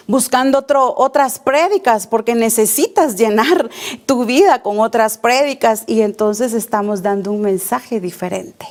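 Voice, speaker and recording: A woman's voice: medium pitch, darkish tone. A woman preaching a sermon at a church service, repeating key phrases and asking the congregation rhetorical questions. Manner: slow, deliberate delivery, repeating key phrases.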